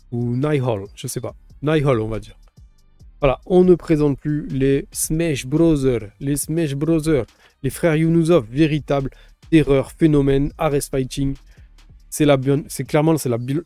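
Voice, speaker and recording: Man musing on fights, dark dry voice. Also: medium pitch, dry recording. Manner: rambling, restarts often, enthusiastic about fighters. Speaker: podcast host. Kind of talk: casual solo commentary.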